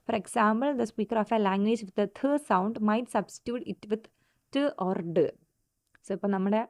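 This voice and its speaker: A woman teacher with a Malayali accent giving a lecture in Malayalam and English. She slows down to read out English definitions. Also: mid-range voice, a little mellow, no echo.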